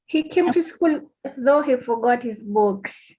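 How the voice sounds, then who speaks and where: A woman student reads her example sentence aloud, softly and again and again. Her voice sits high and sounds dry, with no room around it. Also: expressive, takes it slowly, slightly rough, no room sound, poor audio. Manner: soft-spoken, repeats her sentence. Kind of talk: answering in an online class.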